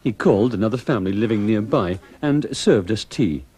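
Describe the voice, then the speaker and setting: A man's voice: on the low side, lively intonation, fairly quick, warm tone. A man reading scripted narration for a travel documentary.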